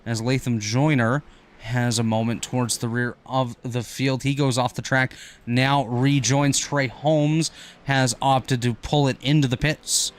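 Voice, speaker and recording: Energetic male racing play-by-play caller. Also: medium pitch. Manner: rapid, energetic play-by-play with quick self-corrections. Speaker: play-by-play commentator. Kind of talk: sim racing commentary.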